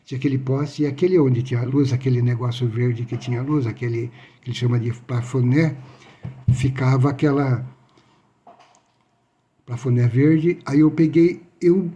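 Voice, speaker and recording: A man telling his personal testimony, halting and repeating his phrases. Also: medium pitch, steady tone, dark tone. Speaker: near-death experience witness.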